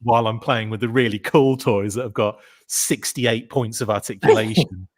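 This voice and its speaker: A man's voice: mid-range voice, moderate pace. A man in his forties, a podcast guest, telling childhood stories in casual chat, full of fillers and restarts.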